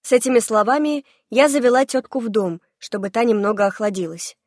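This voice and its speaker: A woman reading a first-person fantasy novel aloud in a lively, expressive narration. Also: a little high, fairly quick, dry recording, studio quality. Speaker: audiobook narrator.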